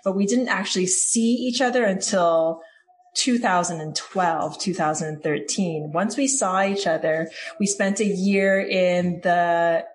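A woman in her forties from Hawaii, a guest on a podcast, telling her story at length. She talks warmly and loosely, with fillers and restarts. Her voice sits a little low for a woman. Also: measured pace, slight background noise. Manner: warm, storytelling, with fillers and self-corrections. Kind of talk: interview answers.

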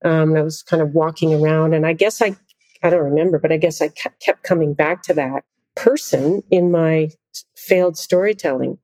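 A middle-aged woman speaks in a somewhat low voice, telling animated, self-deprecating stories in a relaxed interview. The sound is close and dry, with no room echo. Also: moderate pace. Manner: animated, self-deprecating anecdotes with frequent laughter. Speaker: conductor and podcast guest. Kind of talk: casual interview storytelling.

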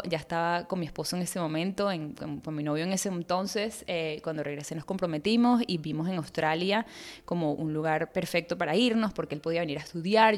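A Venezuelan woman in her thirties talks through her own story on her podcast. Her voice sits a little low, and she rambles in a friendly, easygoing way, full of fillers and restarts. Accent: Venezuelan Spanish. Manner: chatty, warm storytelling with many fillers and restarts. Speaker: podcast host. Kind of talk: casual personal monologue.

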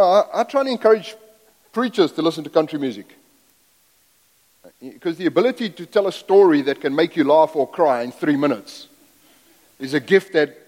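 A middle-aged guest preacher, a man from Zambia by way of South Africa, speaking in a fairly high voice. He is folksy and self-deprecating and wanders into asides. His voice rings through a church sanctuary with a long reverb. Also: darkish tone. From Zambia, raised in South Africa. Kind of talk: sermon.

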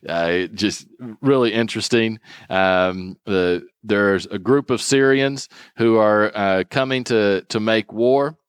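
A man's voice: on the low side, slow, clean tone, no room sound, studio quality. A man casually retelling Bible stories as a lesson, hesitant, with many ums and restarts. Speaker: Bible study teacher.

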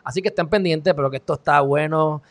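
A man with a Puerto Rican Spanish accent hosts his live stream, his voice sitting a little higher than most men's. He talks casually and heatedly, tossing in mocking, sarcastic asides as he works through the chat. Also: fast. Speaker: online show host.

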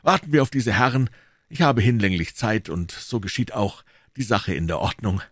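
A man's voice: on the low side, normal speed, a bit bright, no echo, studio quality, voice pushed up. A man reading aloud, voicing a gracious, noble male musketeer with a dignified manner.

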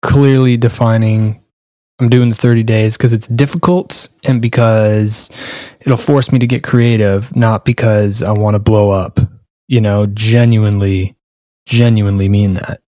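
A man's voice: lowish voice, level tone, unhurried, mellow, no echo, clean studio sound. A man co-hosting a podcast in casual chat, reflective and earnest, asking probing questions. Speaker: podcast co-host.

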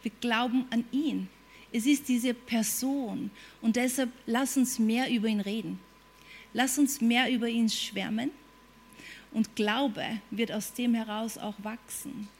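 A woman's voice: a little high, steady tone, unhurried. A woman preaching a sermon, emphatic, repeating her points and putting questions to her listeners. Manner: emphatic, repeats phrases and asks the audience questions.

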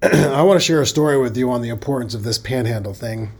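A man's voice: medium pitch, quick pace, darkish tone. A middle-aged man with a Midwestern accent, hosting a safety podcast in a folksy, conversational monologue that now and then corrects itself.

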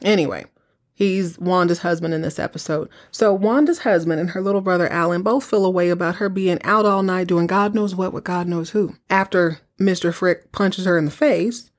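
A woman's voice: fairly low pitch, fairly even intonation, moderate pace. A woman podcast host giving an informal, conversational recap, telling the story with rhetorical questions and asides to the listener. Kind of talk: casual chatty episode recap.

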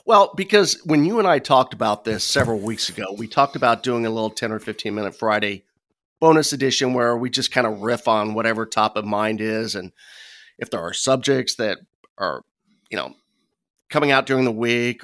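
A man's voice: mid-range voice, moderate pace, a bit bright. Middle-aged male co-host, mid-range voice. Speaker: podcast co-host. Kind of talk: casual chat.

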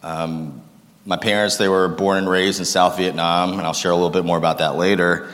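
A man in his thirties, from Massachusetts, with a low voice shares his life story with a live audience. He talks casually, pokes fun at himself and jokes with the crowd, and his voice rings out with the long reverb of a big room. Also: level tone, a little fast, a bit bright. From Massachusetts, United States. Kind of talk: personal testimony talk to an audience.

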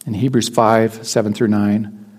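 A man's voice: on the low side, little pitch movement, measured pace, a little mellow. A man preaching a sermon as a pastor, in a conversational way with frequent restarts and repeated words.

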